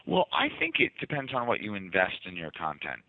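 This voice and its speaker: A man's voice: deep voice, huge pitch swings, fairly quick, creaky. A man with a light Boston accent, a guest in his office explaining his marketing ideas eagerly and often restarting words. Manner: enthusiastic, explanatory, repeats words when restarting. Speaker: guest, marketing agency owner. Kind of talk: casual interview talk. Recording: tinny phone-like line, dry.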